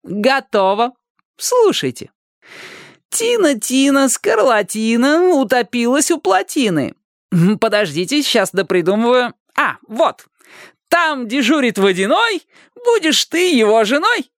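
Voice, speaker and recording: A reader voicing a cheeky young boy who teases his friends in a squeaky, mocking voice in a storybook reading. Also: very animated, unhurried, dry recording, clean studio sound, heavily acted. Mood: teasing. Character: cheeky mischievous young boy, teasing prankster.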